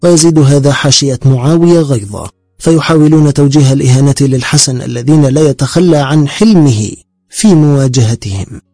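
A man reading a historical book aloud in a measured, formal narrating style, close to the mic. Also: mid-range voice, dark tone, no room sound, soft background music. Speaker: audiobook narrator. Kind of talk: scripted narration.

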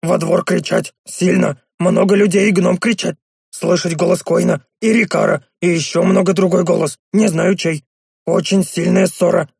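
A man voicing a fussy male dwarf who speaks in broken, gravelly phrases. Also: high voice, steady tone, normal speed, a little mellow, no room sound, clean studio sound, pitched above the performer's own voice, heavily acted. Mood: alarmed.

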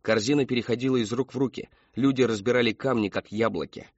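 A man reading an audiobook in measured scripted narration. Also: medium pitch, fairly even intonation, no echo. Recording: dull dry studio read.

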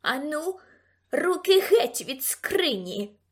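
A woman's voice: fairly high pitch, animated, normal speed. A woman voicing a flustered, indignant older aunt speaking with a trembling voice.

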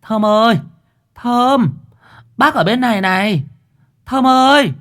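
A man's voice: high-pitched, animated, measured pace, pitched above the performer's own voice. A heartbroken middle-aged mother, voiced by a man in a spoken ghost story, talks. Her voice is raised and tearful. It sounds close to a wail. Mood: anxious.

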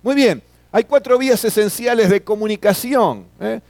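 A man's voice: high voice, moderate pace, a little mellow, dry recording. A middle-aged man teaching a classroom lecture, often tagging his sentences with questions and repeating words.

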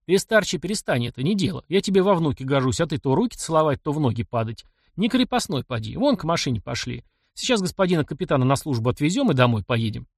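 A brisk, plain-spoken young man who gives orders kindly, read by a man. The delivery is lively in pitch and dry. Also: breathy edge, no echo, heavily acted. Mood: firm.

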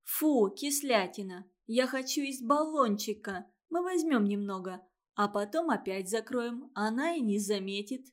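A woman's voice: a little high, animated. A woman voicing a spoiled, sly little girl who chatters and lies. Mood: cheeky. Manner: fast sly wheedling chatter.

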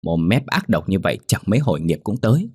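A man's voice: low voice, normal speed, a little mellow, slightly rough, no echo, clean studio sound. A man voicing an older female servant who is bitter and outspoken, gossiping with scorn in a ghost story. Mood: scornful.

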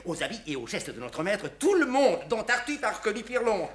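An admiring, talkative valet in a stage comedy. His theatrical voice is animated and bright, in an echoey space. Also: high-pitched, brisk. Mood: gleeful. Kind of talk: classic French stage comedy. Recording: echoey room.

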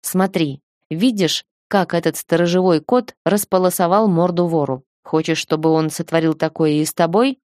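A woman's voice: on the low side, fairly even intonation, moderate pace, darkish tone, no room sound, clean studio sound, lightly acted. A woman voicing an exasperated young man who snaps curt orders, in an audiobook reading. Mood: fed up. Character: young man, the fiancé, blunt and fed up.

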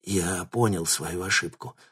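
A man's voice: sits low, measured pace, a bit bright, slightly rough, exaggerated voice. A man voicing a frightened young male shapeshifter pleading with his captors in an audiobook. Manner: pleading, babbling.

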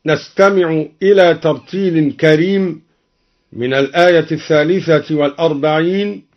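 High-voiced man on old radio. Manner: measured, slows into melodic chanting for quoted verses. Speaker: Quran recitation teacher introducing radio episodes. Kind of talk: explaining recitation variants, chanting example verses. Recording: dull lo-fi old radio broadcast recording.

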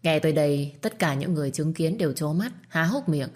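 A woman reads a dramatic family story aloud with steady, measured narration. Her voice sits on the lower side and moves the scenes along evenly. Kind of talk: scripted narration.

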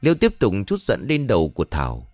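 A man narrating a dramatic ghost story in an expressive, lively way. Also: on the low side, fast talker, no room sound, clean studio sound, soft background music.

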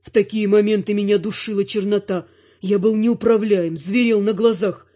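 A man reading a first-person audiobook with lively, emotional storytelling. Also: high voice, moderate pace, dull audio. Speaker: audiobook narrator.

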